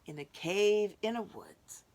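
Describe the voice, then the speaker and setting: A woman reading a picture book aloud to children as a librarian, animated and inviting them to join in, dropping to whispers for suspense. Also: medium pitch, slow.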